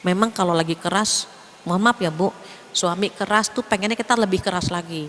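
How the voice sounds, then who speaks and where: A female Islamic preacher with a brisk, mid-range voice gives a casual, chatty religious lecture, acting out snippets of everyday talk in lively voices. The sound is big-roomed, with a little hiss or hum.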